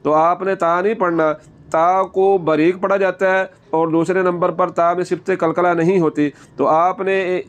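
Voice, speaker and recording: Patient male recitation teacher, smooth voice. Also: a little high. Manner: slow, drawn-out model recitations between explanations. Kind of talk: explaining and demonstrating recitation.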